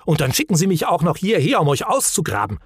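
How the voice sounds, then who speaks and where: A man's voice: fairly high pitch, wildly swooping pitch, fast talker, husky, dry recording, studio quality, voice pushed up, full character voice. A man voicing an irritable, fussy male troll-like creature who grumbles and complains in a storybook reading. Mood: frantic, irritated.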